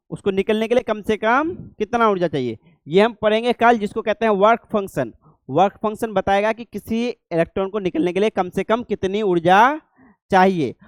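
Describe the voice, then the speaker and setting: A middle-aged male teacher gives a classroom lecture in a high-sitting voice, recorded with studio quality and no echo. He frequently pauses to ask the class checking questions to see whether they follow.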